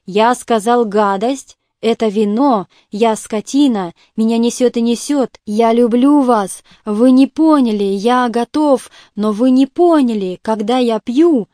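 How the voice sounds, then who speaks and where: A woman's voice: on the high side, unhurried, darkish tone, no echo, studio quality, close to an everyday voice. A woman reading as a remorseful captain. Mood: pleading. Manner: pleading, rambling. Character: hard-drinking remorseful male army captain.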